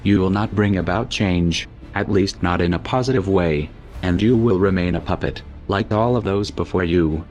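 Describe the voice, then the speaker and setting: A man speaking through a disguised deep voice, reading a cold, measured, menacing scripted statement. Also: a little mellow, dull audio.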